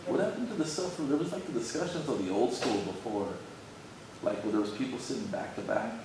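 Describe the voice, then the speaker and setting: In a large, echoey indoor arts venue, a man in the audience asks probing questions in a casual, colloquial way. His medium-pitched voice is expressive and fast, picked up by a distant mic in a very echoey, noisy room.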